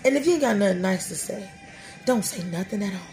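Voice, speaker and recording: This faith podcast host, a woman in her 30s, talks fast in a mid-range voice while faint music plays behind her. Her casual delivery is lively and sermon-like, full of self-directed remarks and laughing asides. The setting is a small indoor room in front of a dark curtain.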